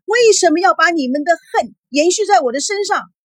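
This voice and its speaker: A woman's voice: animated, moderate pace, breathy edge, no room sound. A woman voicing a hysterical, distraught young woman who screams and sobs at her parents. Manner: shrill screaming, sobbing outbursts.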